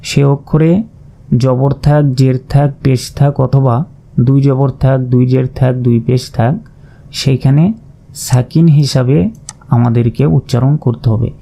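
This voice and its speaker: A man teaching Quran recitation in a slow, methodical lesson, spelling out letters and vowel marks, then drawing out each word. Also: mid-range voice, creaky, dark tone. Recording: dull lo-fi recording.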